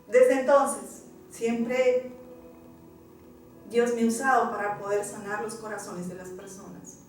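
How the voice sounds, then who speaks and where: A woman's voice: a little high, fairly even intonation, takes it slowly, slight background noise. A woman pastor from Peru giving an emotional testimony as a sermon, speaking directly to her congregation. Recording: echoey church hall, distant mic, faint music.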